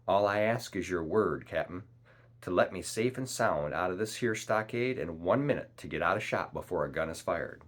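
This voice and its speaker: A man's voice: low-pitched, lively intonation, normal speed. A man voicing a wily one-legged old pirate cook with a hearty, wheedling, mock-respectful manner. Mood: smooth bargaining.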